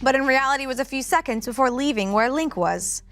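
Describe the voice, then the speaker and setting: A woman's voice: high-pitched, quick pace, a bit bright, a little hiss or hum. A woman narrating a fan-fiction story aloud for comedy, amused and often laughing.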